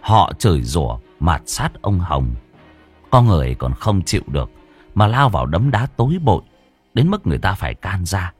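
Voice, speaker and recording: Deep-voiced man telling a ghost story. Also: moderate pace, slightly rough, faint music behind. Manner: dramatic, expressive storytelling with coarse folk curses.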